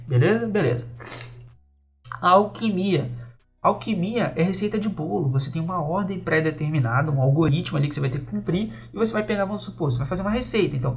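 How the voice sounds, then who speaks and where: A man casually explaining the magic rules of a tabletop role-playing game, talking loosely and checking in with listeners as he goes. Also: a little high. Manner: loose, conversational, many fillers and rhetorical checks. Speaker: tabletop RPG system designer explaining rules.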